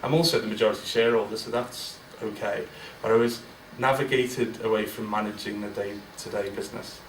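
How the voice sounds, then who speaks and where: A man in his forties, a guest speaker, addresses an audience in a large event room at a business event, talking candidly and informally with many fillers and restarts. His voice is on the low side, steady and fairly quick, caught by a distant mic with a roomy feel, faint ambience and a little hiss or hum.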